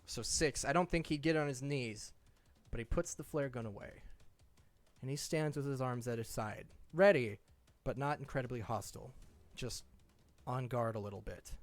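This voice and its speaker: A man acting as game master, improvising descriptive narration with dramatic pauses. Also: medium pitch.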